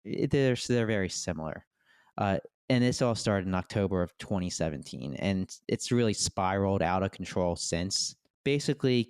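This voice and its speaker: A man co-hosting a casual podcast, talking in an animated way with quick asides and restarts. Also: on the low side, clear, resonant tone, dry recording, studio quality. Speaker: podcast co-host.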